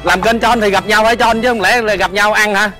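A man with a fairly high voice plays a prank in a comedy skit, giving hurried orders and urging his partner along. Loud music plays throughout behind him. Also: fairly even intonation. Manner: urging, bossy, addresses partner as "bé".

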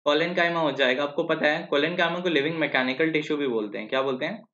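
A man's voice: a little high, brisk, sharp tone. A man teaching biology in a live online exam-prep class, chatty and quizzing his students, mixing in English terms with an Indian English accent. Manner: mixes Hindi with English terms. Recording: echoey, dull lo-fi live stream audio.

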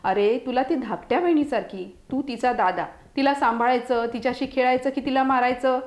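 A woman's voice: high-pitched, brisk, a little mellow, lightly acted. A woman voicing a stern housewife who scolds the dog and dotes on the cat, in a storybook reading. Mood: scolding. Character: scolding but doting housewife, cat's owner.

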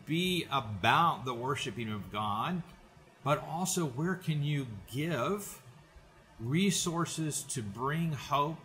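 A man's voice: on the high side, fairly bright tone. An older man speaking earnestly to camera as host of a church video podcast, with many hesitant fillers and restarts, from a book-lined home study. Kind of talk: casual heartfelt address to camera.

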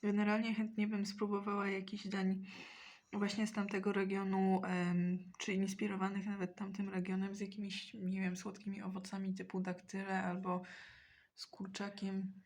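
A woman talking casually in a mukbang while eating, hesitant and often pausing mid-sentence to think. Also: mid-range voice, monotone, darkish tone. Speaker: mukbang vlogger.

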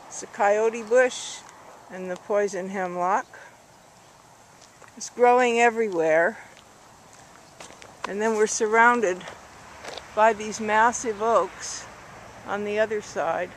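A woman's voice: takes it slowly, pauses often. A woman narrating her walk along a rural road at dusk, thinking aloud and correcting herself as she films with a handheld camera. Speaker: hiker filming a walk. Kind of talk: casual narrated walk video. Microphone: handheld camera mic. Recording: faint outdoor noise, handheld camera. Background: distant highway traffic.

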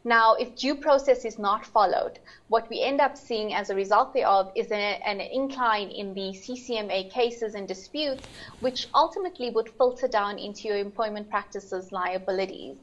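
A woman's voice: medium pitch, moderate pace. A woman, answering as an insurance expert on a panel, articulate and businesslike. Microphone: video call. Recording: slightly muffled video call audio.

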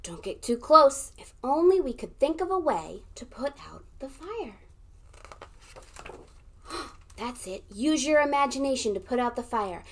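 Leading a storytime read-aloud as a children's librarian, this young woman speaks in a high-pitched voice at normal speed with hardly any pauses. Her delivery is lively, punctuated by gasps for effect and repeated invitations for the listener to take part.

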